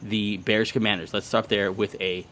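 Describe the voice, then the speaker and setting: Guy w a lowish voice doing a sports podcast out in the backyard at night, chatty, sweary, trying to keep it down. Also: flat delivery, normal speed. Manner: profane, joking banter; keeping somewhat quiet outdoors so as not to disturb neighbours. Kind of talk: casual podcast chat. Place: outdoors in a residential backyard at night.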